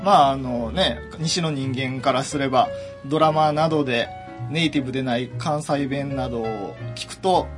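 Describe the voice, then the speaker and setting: A man's voice: mid-range voice, normal speed. A man hosting a radio show, chatty and full of 'ne' fillers. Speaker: radio host. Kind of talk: casual radio talk. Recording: music playing behind.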